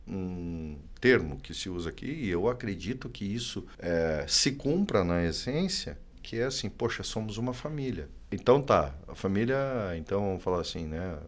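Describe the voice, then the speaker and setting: A low-pitched man from Brazil tells stories from his career as a company CEO. His voice swings widely in pitch as he grows lively and acts out the dialogue he quotes. He talks in an easy, conversational way. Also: normal speed, hardly any pauses. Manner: lively, warm storytelling with frequent "né" and acted-out quotes. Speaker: company CEO, podcast guest. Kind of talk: conversational storytelling.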